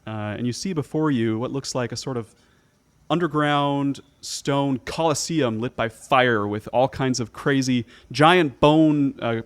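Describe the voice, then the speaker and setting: A man's voice: mid-range voice, measured pace. Male game master narrating a fantasy scene. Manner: descriptive, searching for words as he goes. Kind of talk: improvised narration of a tabletop game.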